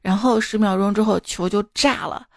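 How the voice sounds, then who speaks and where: A woman's voice: mid-range voice, normal speed, dry recording, studio quality. A woman hosting a podcast, reading out funny anecdotes and laughing at her own jokes. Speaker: podcast host.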